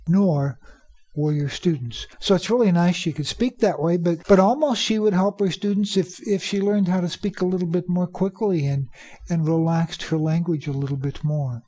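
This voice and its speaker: A native English speaker teaching teachers about pronunciation, repeating key phrases for emphasis and slowing down to demonstrate. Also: mid-range voice, dark tone. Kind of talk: instructional talk.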